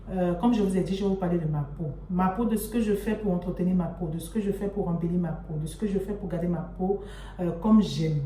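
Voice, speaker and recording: A woman's voice: fairly low pitch, warm tone. A young adult woman chatting casually and familiarly to her viewers as a vlogger, addressing them affectionately. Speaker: vlogger introducing her channel. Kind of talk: casual chat to camera. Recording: roomy echo, distant mic, faint noise.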